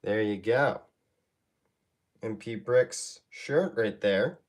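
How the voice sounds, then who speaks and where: A young man with a fairly low voice speaks very slowly while hosting a casual live-stream Q&A on his YouTube channel. Stuffy from allergies, he rambles hesitantly and fills his talk with fillers. It's recorded on a handheld phone camera.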